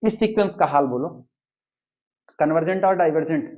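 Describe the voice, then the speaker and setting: A man teaching a math lecture at the board, quizzing his students and slowly counting through terms. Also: a little high, a little mellow, lo-fi sound.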